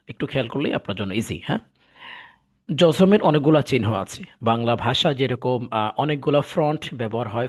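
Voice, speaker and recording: A man from Bangladesh teaching an online Quran recitation class, patiently repeating letter drills and checking in with his students. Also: medium pitch.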